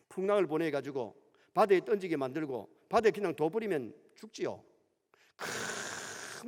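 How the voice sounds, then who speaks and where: Gyeongsang accent pastor preaching, pretty high voice that swoops all over, long echo of a church hall. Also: male voice. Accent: Gyeongsang Korean. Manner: animated storytelling preacher. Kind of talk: sermon. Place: church sanctuary.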